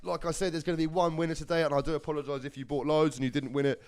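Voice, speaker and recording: A man's voice: fairly high pitch, flat delivery, racing, a little mellow, clear, resonant tone, faint music behind. A young man, hosting a live competition draw in casual, upbeat chat, calling viewers lovelies and brother.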